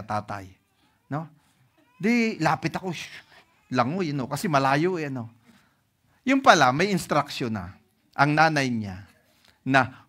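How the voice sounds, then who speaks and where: A man with a Filipino accent preaching a sermon as pastor, telling stories and often checking in with the congregation. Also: a little high. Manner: lively storytelling with frequent "ano?" and "no?" checks to the congregation.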